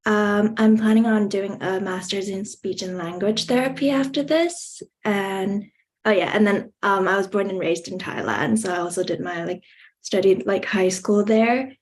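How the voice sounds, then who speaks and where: A woman's voice: medium pitch, normal speed. A young woman student on an online panel over a video call, chatty and casual. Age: young adult.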